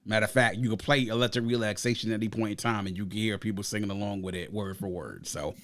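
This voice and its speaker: Talking fast in a fairly low voice with fairly even intonation, this Grenadian podcast host gives a long, enthusiastic, casual review of an album, over some background noise. "You know what I'm saying" pops up often in his chat.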